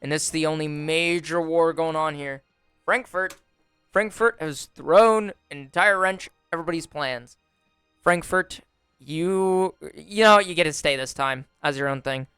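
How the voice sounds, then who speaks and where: Wry young man with a bright voice. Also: a little high, unhurried, smooth, dry recording. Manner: relaxed, wry commentary with frequent fillers. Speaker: gaming YouTuber. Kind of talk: casual gameplay commentary. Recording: dry close voice over faint music. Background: faint background music.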